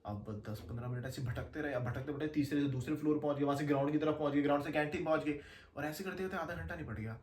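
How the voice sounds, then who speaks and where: A young man telling a story in casual, slangy chat, animated and laughing as he goes. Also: a little high, rapid-fire, hardly any pauses, distant mic. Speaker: podcast guest storyteller. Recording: echoey room, faint ambience.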